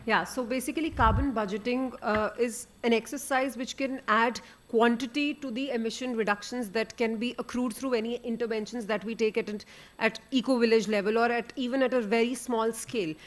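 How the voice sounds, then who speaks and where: Brief: woman panelist, somewhat high voice, fluent and explanatory. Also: steady tone, fairly quick.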